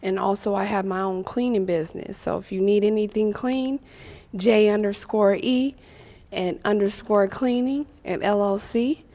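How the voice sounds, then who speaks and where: A woman's voice: medium pitch, moderate pace, warm tone. Woman, contestant, confident, self-promoting.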